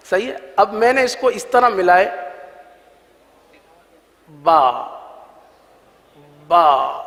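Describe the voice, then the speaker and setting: A man teaching a religious recitation lesson, patiently sounding out each letter slowly and repeating it for learners to copy. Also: sits high, fairly bright tone, big-room sound.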